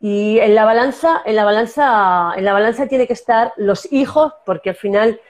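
Guesting in a relaxed interview, a La Mancha actress with a local Spanish accent shares stories, often restarting and filling pauses. She speaks at a normal speed in a voice on the higher side.

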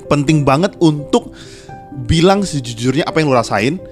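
A man's voice: on the high side, moderate pace, faint music behind. A man chatting casually about relationships as a podcast co-host, acting out little quoted exchanges. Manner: animated, acts out quoted dialogue.

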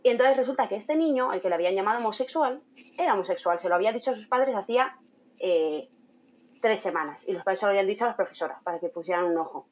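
Slight background noise accompanies a young woman, a content creator and trainee teacher, telling a story as a guest in a casual interview. She speaks quickly at medium pitch, laughing often and acting out the voices of people she quotes.

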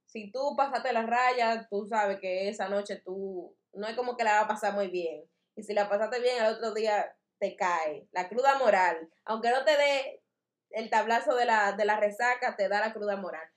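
A woman's voice: mid-range voice, moderate pace. A young adult woman in casual chat, speaking emphatically and with firm opinions.

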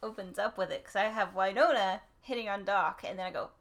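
A woman's voice: mid-range voice, fairly even intonation, a bit bright. A woman co-hosting a podcast, bantering playfully in casual chat. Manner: playful, quick back-and-forth banter. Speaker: podcast co-host.

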